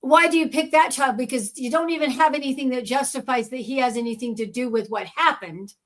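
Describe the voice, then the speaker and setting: A woman co-hosting a podcast talks casually yet emphatically through her opinions on a scripture reading, explaining her reasoning. Her voice is high-pitched, a bit bright and brisk.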